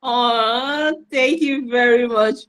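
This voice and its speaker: A woman from Nigeria hosts and moderates an online event over a video call, speaking slowly in a rather high, slightly bright voice. She's enthusiastic, repetitive and encouraging, though the recording is rough.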